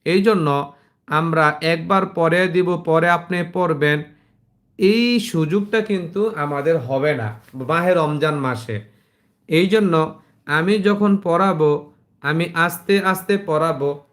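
A man with a Bangladeshi Bengali accent teaching an online Quran class to adult students, explaining plainly and reciting verses slowly. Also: a little high, fairly bright tone.

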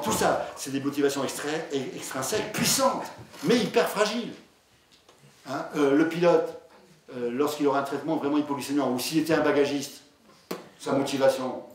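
A man's voice: mid-range voice, slight background noise. Man, doctor giving a conference talk, hesitant and chatty, very echoey hall, distant mic. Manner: conversational, hesitant, many fillers and restarts. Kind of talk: lecture with patient anecdotes. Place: lecture hall.

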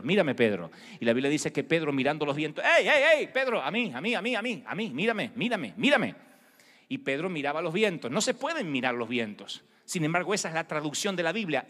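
Lively impassioned male preacher. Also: a little high, in a large hall. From Argentina. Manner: impassioned preaching, swings from hushed to shouting. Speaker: pastor. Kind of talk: sermon.

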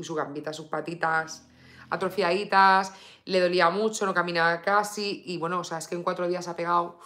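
Woman streamer, from Spain, bright tense voice, chatty and rambling, coos to her dog. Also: lowish voice. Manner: chatty, lots of fillers, reads viewer comments aloud. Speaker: beauty vlogger live streaming. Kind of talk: casual live stream chat.

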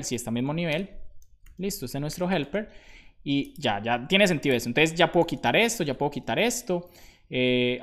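A man, live-coding for viewers in a relaxed, chatty way, thinking aloud as he works and joking about his own slips. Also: a little high. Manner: thinks aloud, talks to himself while typing. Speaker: programmer streaming live. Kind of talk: casual live-coding tutorial.

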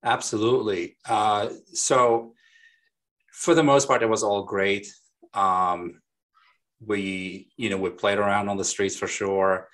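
A man from Lebanon in his forties, a business owner, talking casually and warmly as a guest on a video call, with plenty of fillers and restarts. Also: on the low side, fairly even intonation, slow pace. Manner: friendly, talkative, frequent fillers and restarts. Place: small dark home studio. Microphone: desk microphone on a boom.

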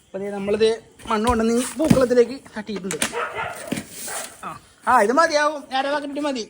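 A woman's voice: on the high side, fairly quick, background noise. A woman, chatting casually in a family vlog while directing helpers outdoors. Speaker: vlogger. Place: outdoor home yard.

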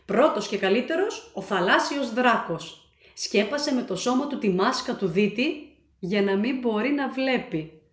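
A woman with a fairly high voice reads a children's picture book aloud, shaping each line with lively storytelling. The room around her is noticeably echoey. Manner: expressive, animated storytelling. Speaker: storyteller and author.

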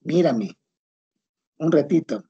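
A man's voice: on the high side, expressive, slow, mellow, slightly rough, no echo, highs cut off. A man teaching an online pharmacology class whose audio breaks up and stutters over a choppy video call, so his words cut off and repeat. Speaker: pharmacology professor.

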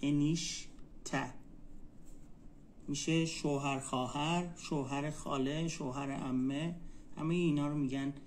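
Man tutoring vocabulary, slow repetition. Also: on the high side, steady tone, a little hiss or hum. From Iran. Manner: repeats words slowly, spells them out for a student. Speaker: Turkish language tutor. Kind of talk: one-on-one language lesson.

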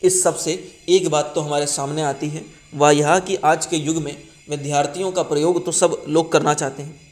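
Earnest man reading in a flat voice. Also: fairly high pitch, moderate pace. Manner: earnest reading with small slips and restarts. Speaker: channel host reading a book preface. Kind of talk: reading aloud an article.

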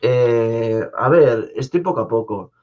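A young man from Spain hosting a live stream from a home studio, talking in a soft, halting way with many restarts as he answers viewers. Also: medium pitch, expressive. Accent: Spanish from Spain. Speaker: live-stream host reading viewer comments. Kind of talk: casual live chat. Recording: slightly dull lo-fi stream audio.

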